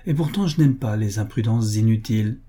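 A man reading the part of a grave young countess in an audiobook, speaking calmly and evenly. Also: fairly low pitch, husky. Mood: composed. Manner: calm, measured speech.

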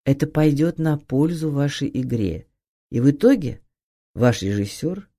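A woman giving an expressive, emphatic scripted narration of an acting guide, read as an audiobook. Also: rumbling low. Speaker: audiobook reader.

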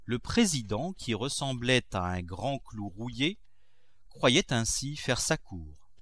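Slow, expressive male audiobook narrator. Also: mid-range voice. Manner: measured, expressive, acts out characters. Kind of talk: scripted narration of a classic novel.

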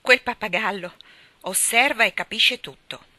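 Shrewd old auntie, woman voicing her, measured and knowing, bright tone. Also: a little high, no echo, pitched above the performer's own voice. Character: shrewd well-off elderly aunt, affable but knowing.

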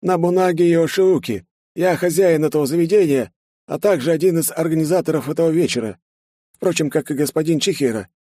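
A man's voice: fairly high pitch, brisk, dark tone, no echo, clean studio sound, pitched above the performer's own voice, close to an everyday voice. A man voicing a formal, courteous host giving a welcome speech in a story reading. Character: polite male host of a gala.

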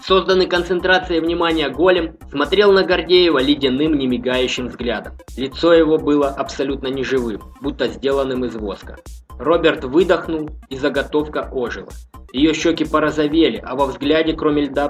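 A man reading a novel aloud in a measured, even storytelling manner. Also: mid-range voice, soft background music. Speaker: audiobook narrator. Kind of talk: scripted narration.

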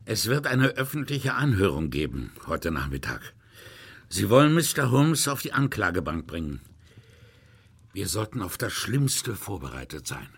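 An actor playing a sombre, blunt Scotland Yard inspector in a German radio crime drama, with a husky voice. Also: male voice, low-pitched, sing-song, normal speed, a bit bright, heavily acted. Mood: grave. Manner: grave, blunt.

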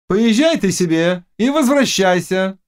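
A man voicing a fierce, mocking young witch and fortune-teller in an audiobook, chanting incantations in a high, loud voice. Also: animated, a little slow. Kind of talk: audiobook character reading.

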